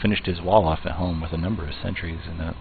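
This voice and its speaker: A man giving play-by-play commentary on a strategy game match, talking in a measured way with fillers and restarts. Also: low-pitched, steady tone. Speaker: esports caster. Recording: tinny phone-like line, faint noise.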